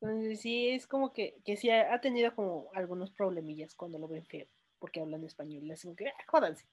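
A woman with a Mexican accent hosting a casual podcast chat, telling stories in a relaxed, joking way. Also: lowish voice, a little fast. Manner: relaxed, storytelling with jokes. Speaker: podcast host.

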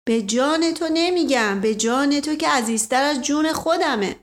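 A woman's voice: high-pitched, voice pushed up, lightly acted. A woman voicing a flirtatious, blustering middle-aged nobleman who talks theatrically and keeps exclaiming "momento". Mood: indignant.

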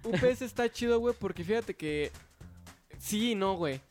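Slangy high-voiced young Mexican man. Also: normal speed, faint music behind. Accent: Mexican Spanish. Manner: slangy, swearing, animated storytelling. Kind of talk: casual chat.

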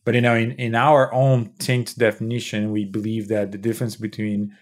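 A startup founder and CEO in his thirties from Brazil explains things at length in a podcast interview, with a Brazilian Portuguese accent. He restarts often and says "you know" a lot. His voice is on the low side, with a flat delivery at a moderate pace.

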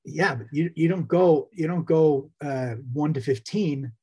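A man's voice: fairly high pitch, unhurried, darkish tone, husky. A man co-hosting a basketball podcast, talking in a rambling, casual way with many restarts. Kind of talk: casual sports chat.

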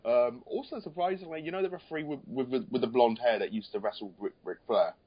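A man's voice: medium pitch, fast talker, a little hiss or hum. A man co-hosting a casual wrestling chat, rambling and repeating phrases for emphasis. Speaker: podcast co-host. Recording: dull, lo-fi audio.

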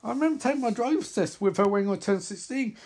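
Anxious young male speedster hero, earnest and hurried, read by a man in a comic read-aloud. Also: high-pitched, lively intonation, a little mellow, husky, pitched above the performer's own voice, full character voice.

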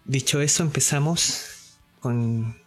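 A course teacher gives a spoken lesson in a mid-range voice, deliberately explaining step by step and often checking that listeners follow. He hesitates on fillers and repeats himself. Faint music plays in the background.

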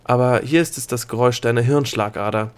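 A man voicing a grumpy, bald male gnome who is a nightmare creature, talking gruffly and impatiently. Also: mid-range voice, fast, natural voice. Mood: evasive. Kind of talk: audiobook character voice.

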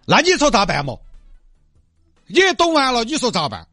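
A man with a Sichuan accent acting out a comic scene, loud, theatrical and mock-mournful. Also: very high-pitched, huge pitch swings, normal speed, no echo, studio quality, soft background music. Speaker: comic storyteller.

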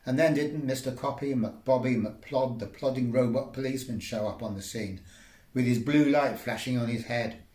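A man's voice: medium pitch, moderate pace, a little mellow. A man reading surreal micro-fiction aloud in a wry, rambling, dreamlike way. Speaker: storyteller. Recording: roomy echo.

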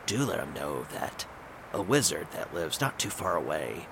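A sly wizard speaks in a deep voice with a rough, gravelly rasp, as a man acts him out. His pitch swings widely while he drawls along with coy hints. The home recording carries a clear hiss of noise. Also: big pitch swings, moderate pace, exaggerated voice. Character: male wizard with a newly changed voice, sly. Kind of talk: voicing a tabletop game character.

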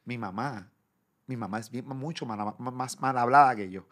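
A man's voice: mid-range voice, normal speed. A man in his forties with a Puerto Rican accent, hosting a podcast in crude, boisterous casual banter. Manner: boisterous, profane, loud mock impressions. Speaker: podcast host.

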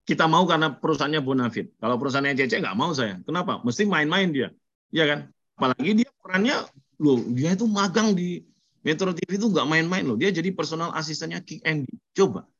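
A man lecturing students in a motivational talk, telling stories in an animated way. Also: fairly high pitch, fast, husky, dull audio. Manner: animated storyteller, acts out quoted voices. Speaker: university lecturer.

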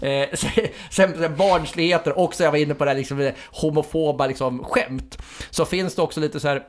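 A man's voice: a little high, steady tone. A man co-hosting a casual film discussion podcast, chatty, with frequent fillers and restarts. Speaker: podcast co-host.

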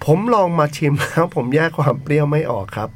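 Lively higher-voiced man reading a letter. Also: quick pace. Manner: animated, teasing, jokey. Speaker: podcast co-host. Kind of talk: casual chat, reading a listener letter.

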